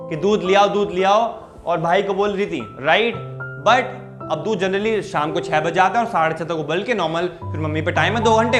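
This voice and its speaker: A young man, a psychologist, talking through everyday examples in a casual explanatory way and checking in with "right?" and "okay?" as he goes. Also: high-pitched. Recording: steady music underneath the voice.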